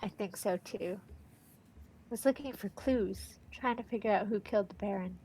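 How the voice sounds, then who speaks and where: Poor audio with a little hiss or hum captures a woman's mid-range voice at a moderate pace as she streams a game. She's a let's play streamer, congested from allergies, chatting casually and reading the game's text aloud with excitement.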